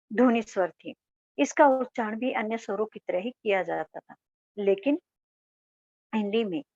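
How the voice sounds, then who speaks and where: Woman teacher, slow and deliberate, fairly high voice, quizzing then answering, dry lo-fi sound. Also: no echo. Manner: slow, asks questions then answers them herself. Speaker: school teacher. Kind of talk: grammar lesson. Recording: dull, dry lo-fi recording.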